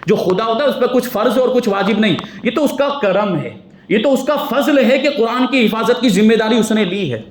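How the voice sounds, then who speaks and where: A man's voice: sits high, reverberant, a little hiss or hum. A man giving a Quran commentary lesson in a mosque, earnest and full of rhetorical questions to his listeners. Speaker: mufti teaching Quran commentary.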